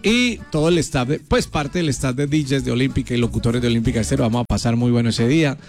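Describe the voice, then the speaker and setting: A man with a Colombian accent hosting radio, talking with energy in a sing-song, excitable way. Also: medium pitch, fast, faint music behind. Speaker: radio host. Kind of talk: lively radio promo chat.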